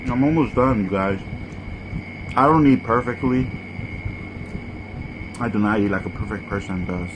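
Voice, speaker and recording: Eating on camera, this mukbang host speaks in a lowish voice at a moderate pace, pausing often. His casual review keeps coming back to the same brief verdicts, and the recording has noticeably noisy background sound.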